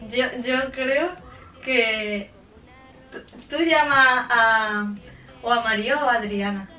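A teenage girl chatting casually in an animated way in a bedroom, a little away from the microphone. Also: on the high side, slow. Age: teens. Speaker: daughter hosting a prank video. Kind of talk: casual chat. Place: small bedroom, indoors. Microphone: camera a short distance away. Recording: echoey bedroom, distant mic, faint music.

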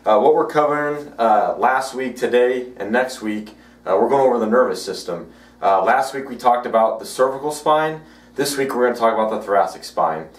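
A man who works as a chiropractor, giving an educational video blog talk, halting with many fillers. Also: medium pitch, animated, echoey room, recorded from a distance. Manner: halting, frequent "uh" and "you know" fillers.

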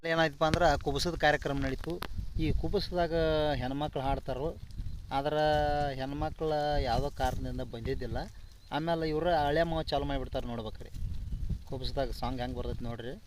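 A man's voice: medium pitch, fairly even intonation, normal speed, slight background noise. A man with a North Karnataka Kannada accent, telling folk stories in a chatty way and stopping to sing verses. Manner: chatty, addresses listeners with polite asides. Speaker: vlogger. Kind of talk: folk storytelling with sung verses.

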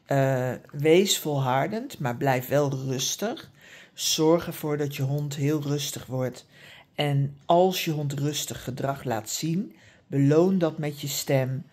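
Woman, dog behaviour expert, breathy husky voice, calm patient advice, lots of fillers. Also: low voice, takes it slowly. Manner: calm, patient, many fillers and tag questions. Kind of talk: explanatory advice talk.

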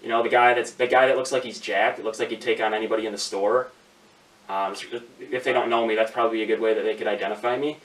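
Man, young adult, casual, rambling, deadpan, roomy echo, distant mic. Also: lowish voice, fast talker. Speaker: vlogger and prank caller. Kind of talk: casual prank call and vlog chat. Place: small room indoors at home. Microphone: camera a few feet away.

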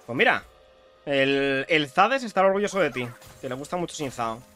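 Young man, Spanish accent, gameplay commentary, bright, fairly high voice. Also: normal speed, soft background music. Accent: Spanish from Spain. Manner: chatty, excitable, talks to viewers. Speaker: streamer playing a video game.

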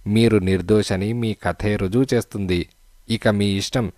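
A man reading the part of a calm, shrewd male detective in an audiobook, speaking firmly and persuasively. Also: on the low side, normal speed, dry recording, clean studio sound, natural voice. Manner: firm, persuasive.

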